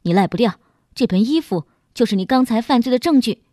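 A woman's voice: fairly high pitch, animated, brisk, dark tone, dry recording, clean studio sound, close to an everyday voice. A woman voicing a brash young male police officer who barks out accusations, in a storybook reading. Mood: accusing. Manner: barking accusations.

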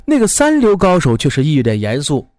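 A male storyteller reading a folk tale with a voice that climbs high and swings widely. His delivery is animated and expressive, and the recording is dry and close to the mic. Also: brisk, no room sound. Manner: lively and expressive, many voices.

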